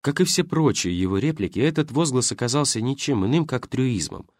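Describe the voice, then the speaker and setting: Lively male audiobook narrator. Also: mid-range voice, a little fast, no room sound, clean studio sound. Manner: expressive storytelling.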